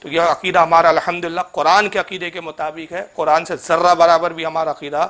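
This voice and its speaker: A male Islamic preacher gives a polemical religious talk, sarcastically rebuking a rival cleric and reciting Arabic scripture in a chanting cadence. His pitch is fairly high, his tone level and a bit bright, and he speaks fast.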